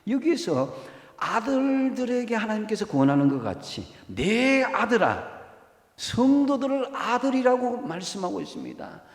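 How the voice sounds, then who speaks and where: A man's voice: high-pitched, wildly swooping pitch, unhurried. A male pastor preaching a sermon, talking in a conversational way and putting questions to the congregation. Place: church sanctuary. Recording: echoey church hall reverb.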